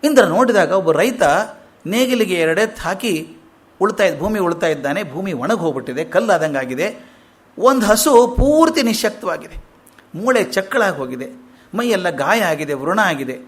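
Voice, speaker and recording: Guy telling epic stories to a hall, animated and emphatic, high-pitched. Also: normal speed. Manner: animated, emphatic, acts out quotes. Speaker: public speaker. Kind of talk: storytelling discourse on an epic. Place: lecture hall.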